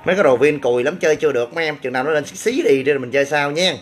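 A man's voice: on the high side, lively intonation, rapid-fire, faint music behind. A man with a Southern Vietnamese accent, a gym owner chatting casually on a livestream and answering comments with boastful, crude banter.

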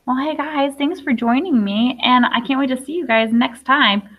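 In an indoor classroom, a thirtyish primary school teacher reads to young children with careful enunciation, sprinkling in chatty questions for them. Her voice is high and a bit bright, moving at a moderate pace.

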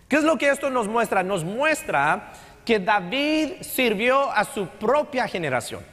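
A middle-aged pastor from Texas preaches a conversational sermon in Spanish with a Texan accent, switching into English phrases. His voice is high-pitched and fairly bright. He's on a large church sanctuary stage, and the hall adds long reverb.

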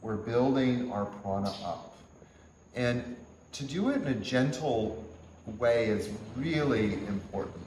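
A man with a fairly low voice leads a workshop-style yoga lecture. He explains things gently and unhurriedly, often chuckling as he goes. The room around him is echoey, with a faint hum in the background. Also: far from the mic. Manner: gentle, unhurried teaching talk with frequent chuckles. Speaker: yoga teacher. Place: teaching hall at a yoga retreat center.

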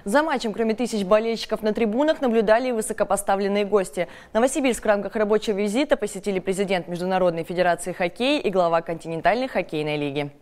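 A woman's voice: mid-range voice, quick pace, hardly any pauses, darkish tone. A young woman reading scripted sports news as a studio anchor.

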